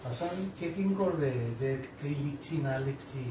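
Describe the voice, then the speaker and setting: A man's voice: on the high side, normal speed. A man playing a husband in a home skit, talking in a playful, teasing way. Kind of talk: acted domestic skit. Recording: echoey room from a distance with noise.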